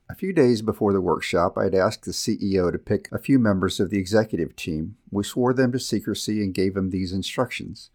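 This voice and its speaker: A male podcast host giving a scripted narration in a measured storytelling manner. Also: low voice.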